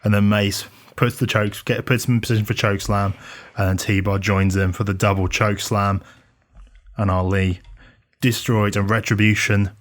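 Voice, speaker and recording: Low-voiced man recapping wrestling matches. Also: level tone, moderate pace. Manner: recaps matches in detail, many fillers and restarts. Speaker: podcast co-host. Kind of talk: casual wrestling review chat.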